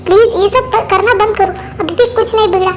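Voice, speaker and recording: Girl doing a bossy friend lecturing hard, super high voice. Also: a little fast. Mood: stern. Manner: lecturing, insistent. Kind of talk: Hindi fan-dub voice acting.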